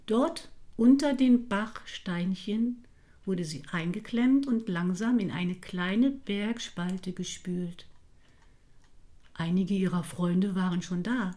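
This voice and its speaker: A woman reading a children's story aloud, slowly and gently. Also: medium pitch.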